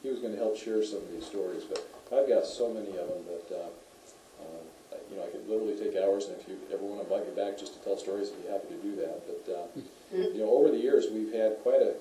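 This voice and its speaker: A man's voice: on the low side, quick pace, warm tone, a little hiss or hum. A middle-aged man, a police officer, telling stories to local residents in a chatty way with many fillers and restarts. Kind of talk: anecdotal community talk. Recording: echoey room, voice heard from a distance.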